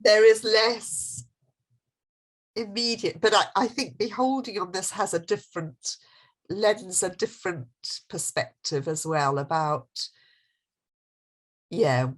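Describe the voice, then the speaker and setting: A woman's voice: medium pitch, slow, long pauses. A woman speaking as guest lecturer in a video-call Q&A, thoughtful and hesitant, often restarting her sentences. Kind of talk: academic Q&A over video call.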